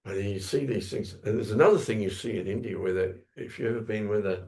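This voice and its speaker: A man's voice: on the low side, fast, vocal fry, darkish tone. A man giving a scripture class, telling a story in a rambling way, often correcting himself and acting out sounds with his voice. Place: temple lounge class, indoors.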